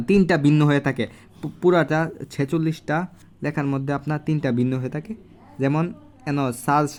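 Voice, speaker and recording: A man giving a casual handwriting lesson at home, recorded on a phone, slowly repeating each syllable as he writes. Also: on the high side. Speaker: language teacher. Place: home room.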